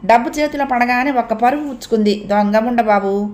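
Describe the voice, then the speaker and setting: A woman voicing a lying male street thug in a Telugu audio novel, loud and accusing. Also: fairly high pitch, fairly quick, natural voice. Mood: sneering.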